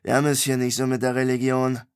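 A male audiobook reader voicing a grubby, gruff middle-aged tavern keeper who talks bluntly in coarse slang. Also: mid-range voice, level tone, fast, close to an everyday voice. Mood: sheepish.

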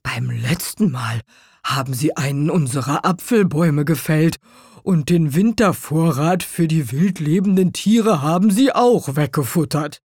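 A woman voicing a gloomy male stag beetle in a children's audio story, talking in a low grumble. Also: animated, unhurried, a little mellow, husky, no room sound, clean studio sound, exaggerated voice. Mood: worried.

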